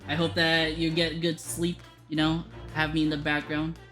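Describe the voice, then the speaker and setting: A woman's voice: deep voice, monotone, moderate pace, music in the background. A woman game streamer chatting casually with her viewers.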